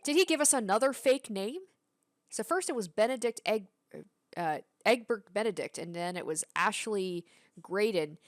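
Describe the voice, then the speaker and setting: Animated woman doing casual game commentary. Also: mid-range voice, moderate pace, dry recording, clean studio sound. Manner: chatty, thinking aloud. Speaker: gamer playing through and reading dialogue.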